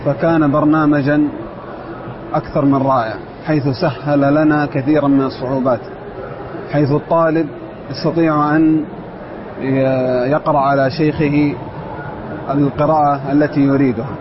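A man's voice: on the high side, level tone, moderate pace, long pauses, background noise. A man, a student of Quran recitation, giving an earnest and devout personal testimony. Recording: dull audio with loud outdoor ambience.

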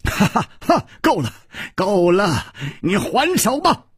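A man's voice: a little high, big pitch swings, normal speed, husky, no room sound, clean studio sound, heavily acted. A man playing a carefree, teasing young swordsman. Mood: teasing, laughing. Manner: lighthearted, teasing, laughing. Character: bold, carefree young male swordsman hero.

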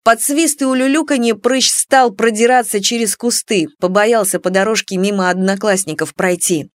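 A woman's voice: medium pitch, normal speed, dry recording, studio quality. A woman reading an audiobook, expressively, lifting her voice for the characters' lines. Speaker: audiobook narrator. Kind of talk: scripted audiobook narration.

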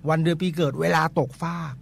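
A man hosting a ghost-story radio call-in show, chatting animatedly with many repetitions and fillers. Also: fast talker. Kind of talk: casual call-in chat.

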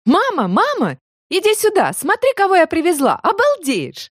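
A woman reading an audiobook, voicing a lively, chatty young woman who teases those around her. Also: fairly high pitch, normal speed, no echo, studio quality, voice pushed up. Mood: gleeful calling. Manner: bubbly, teasing.

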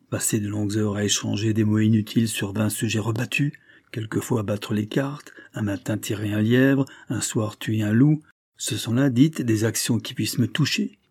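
A man's voice: on the low side, dark tone, husky, no echo, clean studio sound. A man voicing a proud young noblewoman who speaks in a bitter, reproachful, impassioned way.

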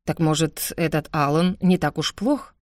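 Woman reading as a calm teasing young stepbrother, easygoing, mildly sarcastic, dry close sound. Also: sits low, unhurried, no echo.

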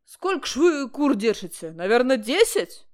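A woman voicing a crafty, jovial older man with a loud, coaxing way of talking, in a storybook reading. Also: high-pitched, sing-song, moderate pace, pitched above the performer's own voice. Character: sly folksy older man, cheerful old worker.

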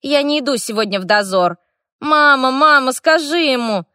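A woman's voice: fairly high pitch, takes it slowly, dry recording, clean studio sound, voice pushed up. Woman doing a groggy, whiny young elf boy. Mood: startled.

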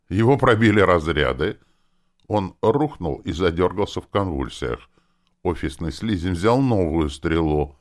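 A man narrating a fantasy audiobook in the first person, with an expressive, crude and sardonic delivery. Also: very deep voice.

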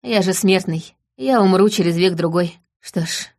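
A woman voicing a gentle young mortal man in an audiobook, speaking quietly and wistfully. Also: fairly low pitch, normal speed, close to an everyday voice. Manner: quiet, hushed. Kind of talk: audiobook reading.

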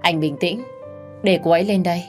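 A woman narrating a story gives voice to a brisk hospital nurse, firm and curt. Her tone stays low and warm, with faint music under the storybook reading. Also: close to an everyday voice.

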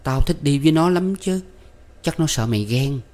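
A man's voice: on the high side, lively intonation, moderate pace, a little mellow, voice pushed up, lightly acted. A man voicing a weary, scruffy young male student who speaks glumly, shrugging things off. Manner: glum, shrugging.

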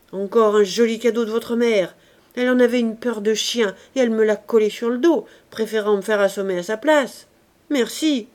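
A woman's voice: a little high, darkish tone, pitched above the performer's own voice, lightly acted. A woman voicing a petty, cowardly middle-aged husband in an audiobook, peevish and agitated.

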